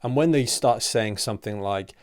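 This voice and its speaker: In this scripted lesson, a man who teaches English explains material at a measured pace, his voice sitting slightly low. He teaches clearly and deliberately, posing rhetorical questions, and each phrase tapers off more softly at its close.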